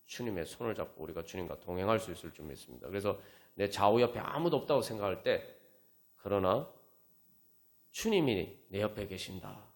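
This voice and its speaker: A man preaching as pastor at a Friday prayer meeting, talking conversationally and prodding his listeners with rhetorical questions. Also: on the low side. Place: church sanctuary. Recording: echoey church room with faint instrument music.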